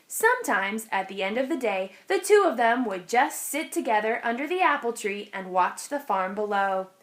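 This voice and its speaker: In a moderate pace and a higher-than-average voice, a woman narrates a children's picture book with expressive storytelling.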